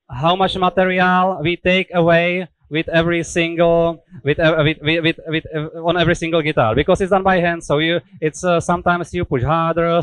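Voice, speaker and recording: A man's voice: a little high, smooth, no echo, rough recording. A man in his thirties, a native Czech speaker talking in English, explaining guitar making on a factory tour through a headset mic, with many restarts and fillers. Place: indoor guitar workshop.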